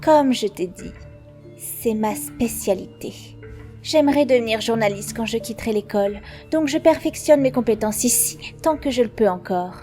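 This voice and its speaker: A woman voicing a sly, composed teenage schoolgirl informant in a French anime fan dub, speaking in a knowing, measured way. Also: a little high, expressive, dark tone, faint music behind, lightly acted. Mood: smug, mysterious.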